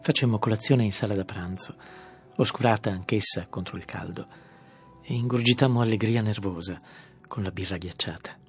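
A man narrating a literary audiobook in a measured, soft-spoken way, with faint music behind. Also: on the low side.

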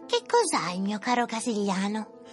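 A man doing a gentle little lady marmot. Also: high-pitched, wildly swooping pitch, pitched above the performer's own voice, full character voice. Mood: consoling. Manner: gentle, soothing, slow and lecturing. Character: kindly little female marmot, gently consoling. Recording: music playing underneath.

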